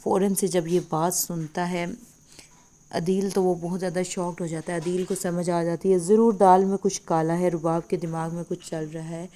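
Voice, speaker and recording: A woman's voice: lowish voice, little pitch movement, warm tone. A woman retelling a TV drama episode in a loose, unscripted voice-over, with frequent hesitations as she goes. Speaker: drama reviewer.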